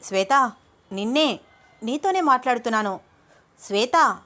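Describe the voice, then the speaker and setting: A woman's voice: medium pitch, normal speed, natural voice. Earnest young guy in a love story, woman reading his part, puzzled and asking questions.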